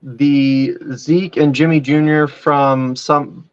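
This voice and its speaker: Male podcast co-host, fairly high voice, wry and jokey, slightly muffled recording. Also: steady tone, takes it slowly, smooth. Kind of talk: casual fan podcast chat.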